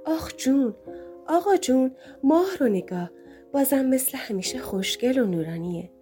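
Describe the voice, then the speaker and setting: A woman's voice: medium pitch, sing-song, mellow, soft background music, close to an everyday voice. A woman voicing a curious, playful little girl who pleads and whines. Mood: eager. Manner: whiny and pleading.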